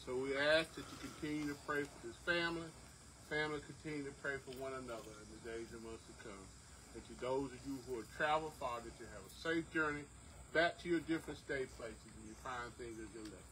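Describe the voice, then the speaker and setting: A man's voice: medium pitch, fast, pushed and bright. A man speaking as a funeral director, making formal, courteous ceremonial announcements at an outdoor graveside service. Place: outdoors at a cemetery under a tent. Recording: noisy outdoor camera recording.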